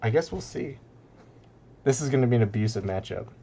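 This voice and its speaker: A man's voice: mid-range voice, animated, fairly quick, dark tone, slight background noise. A man casting a strategy game tournament live, rambling casually with lots of fillers and frequent laughter. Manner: laid-back and rambling, laughs often, many fillers. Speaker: esports caster.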